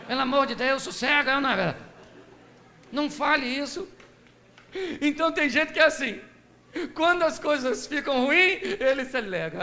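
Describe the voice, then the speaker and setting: A man preaching a lively sermon in a Brazilian accent, telling the story with jokes and acting out the people in it. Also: very high-pitched, gravelly. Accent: Brazilian Portuguese. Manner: animated storytelling, acts out quoted voices, jokes. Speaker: pastor. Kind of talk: lively sermon with humorous asides.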